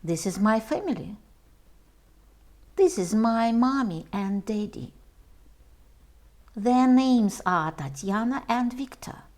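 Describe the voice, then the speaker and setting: A woman reading a homework lesson aloud for young children, slowly and carefully, as their English teacher. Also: fairly high pitch, animated, a little mellow.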